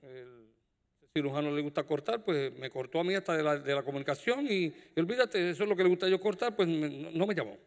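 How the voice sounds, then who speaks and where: A male preacher and doctor giving an animated sermon testimony, paused for an interpreter. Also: a little high. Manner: storytelling, animated. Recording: echoey hall.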